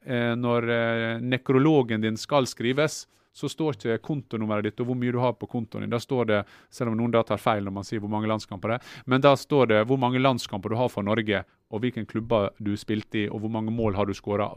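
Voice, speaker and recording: A middle-aged former footballer from Norway in casual podcast chat, reflective and halting, with frequent restarts. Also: male voice, mid-range voice, no room sound, clean studio sound. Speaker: former national team footballer, podcast guest.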